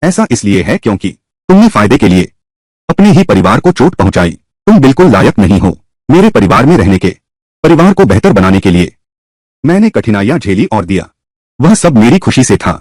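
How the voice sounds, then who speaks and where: A stubborn young worker, lively pitch. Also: male voice, fairly quick, no echo. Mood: stern. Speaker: dubbed drama lead. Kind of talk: Hindi dub of a Chinese short drama.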